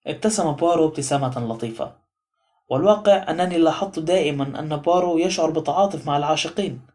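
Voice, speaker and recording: Fast-reading male audiobook narrator. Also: fairly high pitch, a little mellow. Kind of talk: scripted narration.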